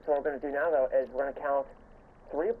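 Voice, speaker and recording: A gaming video host gives casual tutorial commentary while building, repeating himself, stumbling over words, and stuttering now and then. His mid-range voice is quick and fairly even in intonation, with a breathy edge and phone-quality sound.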